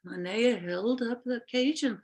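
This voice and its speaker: A woman storyteller spinning a fairy tale for a live audience over a video call. Her telling is expressive and unhurried, with long pauses that let images settle. Her voice sits a touch high.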